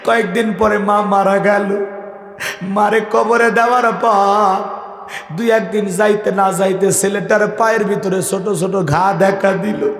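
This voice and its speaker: High-voiced preacher in an echoing hall. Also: male voice, fairly even intonation, unhurried, fairly bright tone. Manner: sing-song preaching, swinging between high calls and low asides. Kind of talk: Islamic sermon storytelling. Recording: echoey hall with long reverb.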